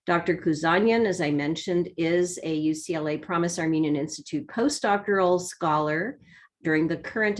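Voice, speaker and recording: A woman hosting an online seminar, giving a measured, formal introduction with an occasional filler. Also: fairly low pitch. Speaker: seminar host. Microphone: video call.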